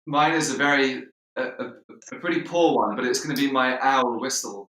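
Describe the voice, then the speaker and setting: A man's voice: medium pitch, normal speed, sharp tone. A man from the UK in a band, chatting casually and self-deprecatingly over a video call. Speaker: band member guest. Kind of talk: casual interview chat. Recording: echoey room, far from mic.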